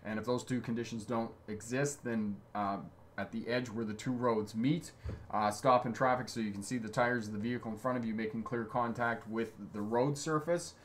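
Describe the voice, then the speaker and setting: A man's voice: mid-range voice, steady tone, moderate pace, slight background noise. Upbeat man answering viewer comments live. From Ontario, Canada. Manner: reads viewer questions aloud, upbeat encouraging replies. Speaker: driving instructor and channel host. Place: indoor home studio with signs on the wall.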